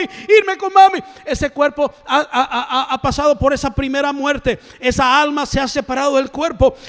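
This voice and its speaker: A male pastor preaching a sermon with passion. He swings between shouted lines and hushed low ones and repeats phrases for emphasis. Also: long reverb tail.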